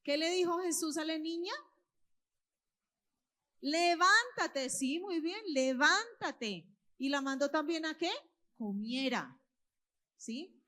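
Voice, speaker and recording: Brief: woman, somewhat high voice, lively storytelling preacher for kids and parents. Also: a little slow. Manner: expressive, quizzes the listeners. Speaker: children's church teacher. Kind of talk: storytelling sermon to families. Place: church hall with children present.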